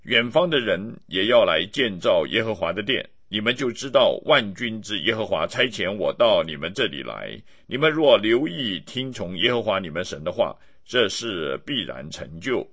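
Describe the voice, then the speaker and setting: A man giving a steady, measured scripted reading of scripture. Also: fairly low pitch, husky. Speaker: Bible reader.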